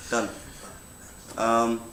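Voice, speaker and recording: A young man chatting casually on a livestream, answering fan questions with a relaxed manner, often laughing and letting his sentences trail off softly. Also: mid-range voice, extremely slow, distant mic. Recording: roomy, off-mic with faint hum.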